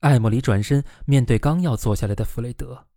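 A man's voice: medium pitch, a little fast, dark tone, no room sound, clean studio sound. A man reading a novel aloud as narrator, giving the quoted characters a raised voice.

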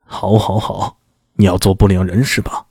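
A man voicing a proud, furious middle-aged father who blusters and makes gruff threats in a lowered voice. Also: flat delivery, moderate pace, darkish tone, dry recording, clean studio sound.

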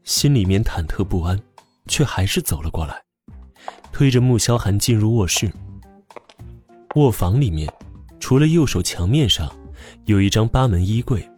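A man narrating an audiobook drama with expressive storytelling. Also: on the low side, normal speed, pauses often, husky, soft background music.

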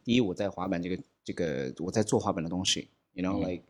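A man in his thirties from the United States chats casually as a podcast guest, in a low voice. He rambles and restarts his sentences, and he drops English fillers like "you know, like" into his talk. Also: fast. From grew up in the United States. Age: 30s. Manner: rambling, with frequent restarts and repeated words.

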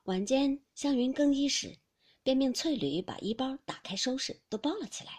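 A woman narrating a classic novel as an audiobook, expressive and dropping to a soft near-whisper at times. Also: high voice, moderate pace. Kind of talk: storytelling reading of a classic novel.

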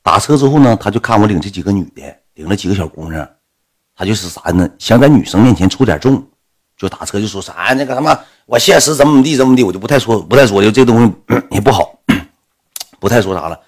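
Fast-talking storyteller man. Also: on the low side, breathy edge. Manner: animated, acts out the quoted dialogue. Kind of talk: casual anecdote telling.

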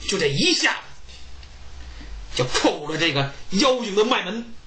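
A woman storyteller performing a pingshu tale with animated, dramatic, punchy phrasing. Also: medium pitch, measured pace, a little hiss or hum.

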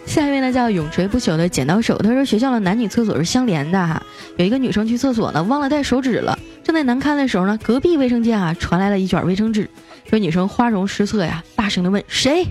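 This female radio host has an animated, mid-range voice with a darkish tone, heard over soft background music. She reads listener jokes in a lively comic way, playful and chatty, with teasing asides and drawn-out particles of her own.

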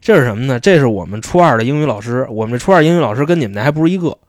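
A man tells chatty, slangy stories at a quick clip, his pitch bouncing up and down. He keeps asking his listener "you know?" The recording is close and dry. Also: animated, a little mellow, no echo. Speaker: podcast host. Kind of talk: casual storytelling chat.

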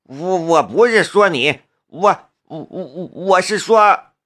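A man's voice: high voice, lively intonation, normal speed, sharp tone, pitched above the performer's own voice. A man voicing an arrogant rich teenage boy who taunts others and stammers when scared. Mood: stammering.

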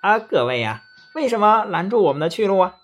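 A cheeky, boastful monkey king, as a man puts him on, pitched well above the storyteller and leaping up and down in tone. He talks quick and cocky with a husky edge, and faint music sits behind him. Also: sing-song.

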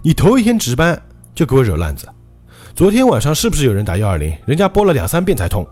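A man voicing an angry hospital supervisor in a spoken ghost story, loud and scolding. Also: a little high, wildly swooping pitch, fast talker, breathy edge, faint music behind, voice pushed up, heavily acted. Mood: furious. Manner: yelling, scolding. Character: furious hospital supervisor, bossy.

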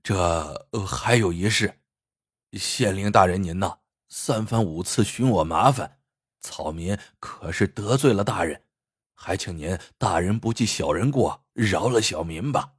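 Guy putting on a sly old trickster, calm, drawn out, low husky voice. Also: dry recording, clean studio sound. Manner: calm, teasing, slow.

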